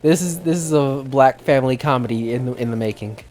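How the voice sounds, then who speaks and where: A woman's voice: a bass voice, a little fast, a little mellow. A woman streaming and chatting casually with her co-host and viewers. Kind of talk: casual live stream chat.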